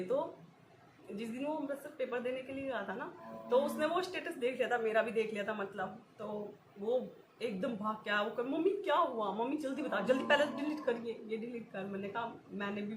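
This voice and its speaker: A woman's voice: fairly high pitch, moderate pace. Woman, 40s, emotional vlog, repeats herself, nervous laughter, faint background hum. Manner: talks in short repeated phrases, often breaking into nervous laughs. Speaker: vlogger. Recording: echoey room with faint ambient noise.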